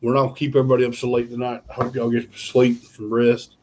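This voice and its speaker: A man's voice: mid-range voice, completely flat delivery, fast, darkish tone. A tired man, chatting casually with viewers on a live stream, rambling with lots of fillers. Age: 30s. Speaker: channel host.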